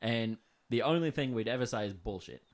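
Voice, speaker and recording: Deadpan man riffing crudely. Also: mid-range voice, a little fast. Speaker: podcast co-host. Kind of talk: crude comedic banter.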